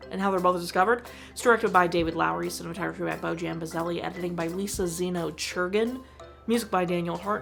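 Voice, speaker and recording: A woman hosting her own show, giving a chatty, enthusiastic movie review full of "like.". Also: on the low side. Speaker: host.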